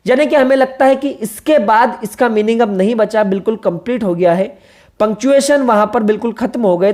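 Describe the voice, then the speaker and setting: A woman's voice: a little high, a little mellow. Woman teaching a poetry lesson, spelling out terms. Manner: explanatory, repeats key terms and spells them out; checks in with listeners with rhetorical questions. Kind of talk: exam-prep literature lecture.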